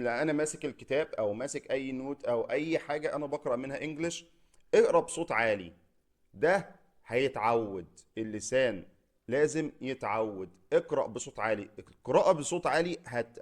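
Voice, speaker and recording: A man with an Egyptian Arabic accent giving a casual spoken English lesson, chatty and direct with viewers, checking in again and again. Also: mid-range voice. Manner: chatty, repeats "تمام؟" often, direct address to viewers. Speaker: English teacher, channel host.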